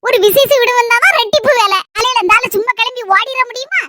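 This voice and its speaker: A woman's voice: extremely high pitch, fast talker, bright, forceful tone. A woman with a Kanyakumari Tamil accent playing a harried housewife who rants in long grumbling runs in a family comedy skit. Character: harried housewife and mother, complaining.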